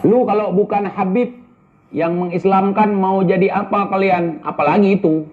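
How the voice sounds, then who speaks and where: A man's voice: high-pitched, steady tone, normal speed. A man giving casual spoken commentary and answering viewer questions, blunt and scolding, full of rhetorical questions. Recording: tinny phone-like audio.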